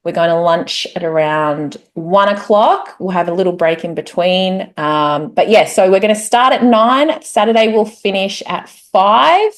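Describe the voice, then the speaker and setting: A woman hosting a casual group chat, bubbly and enthusiastic. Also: fairly low pitch. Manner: bubbly, enthusiastic, fast-rising excitement. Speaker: host.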